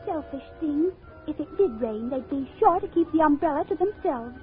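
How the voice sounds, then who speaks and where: A woman's voice: sits high, expressive, moderate pace. A woman voicing a prim, curious young girl in a storybook recording, polite and earnest. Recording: tinny old record with faint music.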